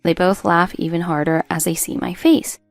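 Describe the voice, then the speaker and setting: Low gravelly woman narrating a story. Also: steady tone, normal speed, dry recording, faint music behind. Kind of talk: scripted first-person narration.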